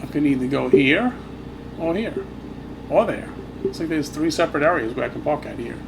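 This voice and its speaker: Gravelly man over loud engine drone. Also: on the high side, expressive, fairly quick. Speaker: flight simulator player narrating own flight. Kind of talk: casual gameplay commentary. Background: simulated small plane engine noise.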